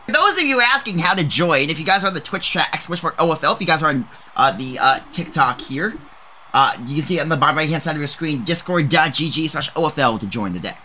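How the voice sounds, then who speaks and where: High-voiced man hosting a game stream. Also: animated, fast talker, pushed and bright, a little hiss or hum. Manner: joking, hype, talks to chat. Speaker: stream host and commentator. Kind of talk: casual livestream commentary.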